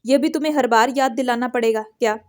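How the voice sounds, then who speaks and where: A woman's voice: fairly high pitch, quick pace, close to an everyday voice. Woman reading as a harsh bullying husband. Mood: angry scolding. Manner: shouting orders, scolding. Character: angry domineering husband, grown man.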